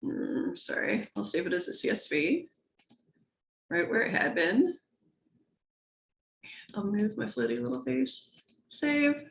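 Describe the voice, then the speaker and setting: Woman stats teacher rambling thru a screen recording, gravelly voice, kinda echoey room. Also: a little high, sing-song, slow, pauses often. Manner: chatty, self-interrupting, playful sound effects. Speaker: statistics instructor. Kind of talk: casual screen-recorded lecture.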